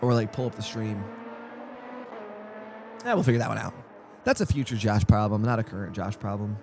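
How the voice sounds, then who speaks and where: A man's voice: on the low side, animated, fairly quick, background noise. A young man rambling through casual live-stream commentary on a sim race, jokey and easily distracted. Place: home streaming setup.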